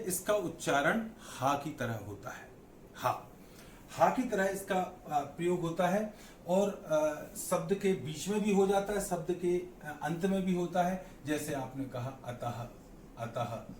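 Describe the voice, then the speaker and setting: A man's voice: on the high side, expressive, unhurried, darkish tone. A man teaching a lesson on Hindi vowels and signs, who repeats key terms and asks and answers his own questions. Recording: echoey room with faint background noise.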